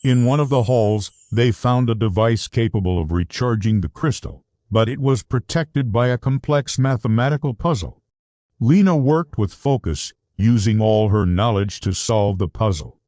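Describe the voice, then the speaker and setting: A man narrating a scripted children's adventure story in an animated storybook manner. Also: on the low side, normal speed, no echo, clean studio sound.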